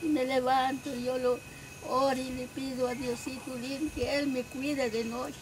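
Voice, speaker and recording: A woman's voice: high voice, level tone, moderate pace. Tearful elderly woman. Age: older. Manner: humble, devout, plain-spoken. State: tearful, crying as she speaks. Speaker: villager receiving aid. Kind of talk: heartfelt testimony of thanks. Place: outdoors at a rural hut doorway. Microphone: phone held a few steps away. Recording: outdoor phone video, clear background noise.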